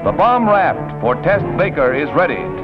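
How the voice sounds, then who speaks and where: Man, American accent, high voice, emphatic newsreel narration, dull vintage 1940s soundtrack, loud music behind. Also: very animated, unhurried. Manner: dramatic, emphatic announcing.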